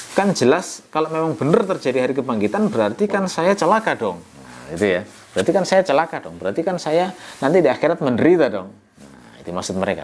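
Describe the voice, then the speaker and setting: A man teaching the meaning of a scripture passage in a relaxed, conversational way. He poses rhetorical questions and answers them himself. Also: medium pitch, slight background noise. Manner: conversational, frequent "ya" and "nah" fillers. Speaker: Quran exegesis teacher. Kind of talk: explanatory religious lecture.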